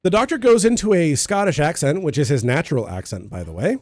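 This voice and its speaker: This American podcast co-host talks fast in a fairly high, darkish voice whose pitch swings widely. In a casual chat about a TV show, he knowledgeably explains details and trivia. The recording is clean studio sound with no room noise.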